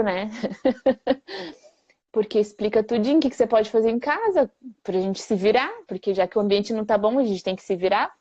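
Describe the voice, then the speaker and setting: A woman, a speech therapist answering viewer questions in a lively, plain-spoken way full of rhetorical questions. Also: a little high. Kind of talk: live Q&A explainer. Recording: dull lo-fi livestream audio.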